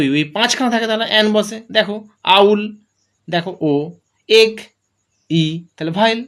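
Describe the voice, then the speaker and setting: With a high, expressive voice that rises and falls for emphasis, a man teaching English works through grammar in careful steps. Self-posed questions followed by his own answers run throughout.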